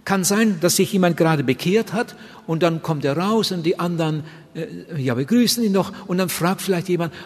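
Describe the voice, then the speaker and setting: Man, preacher, high voice, husky tone, earnest and emphatic sermon, long reverberant hall. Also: normal speed.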